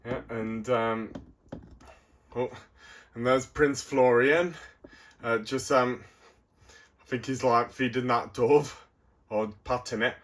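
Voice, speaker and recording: Facing the camera with a mid-range voice, a man casually shows off a toy. His excited, playful kids-show energy is punctuated by frequent halting and hesitant moments.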